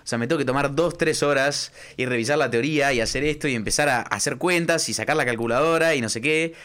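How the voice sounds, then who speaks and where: A man's voice: medium pitch, fast, fairly bright tone, clean tone. A man with an Argentine accent, a podcast co-host who thinks aloud in casual conversation and leans on fillers. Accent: Argentine Spanish.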